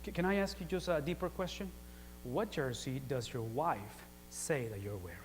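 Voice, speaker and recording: A man preaching a sermon, chatty and full of rhetorical questions, swinging from quiet asides to loud emphatic peaks. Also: mid-range voice, normal speed, long reverb tail, faint music behind. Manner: conversational, with rhetorical questions and repeated phrases.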